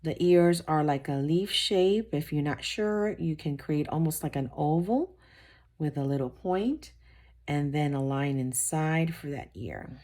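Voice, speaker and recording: A woman with a low voice teaches children to draw, one simple step at a time. She talks slowly and patiently, repeating instructions and reassuring them. Her tone stays encouraging throughout the lesson. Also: warm tone.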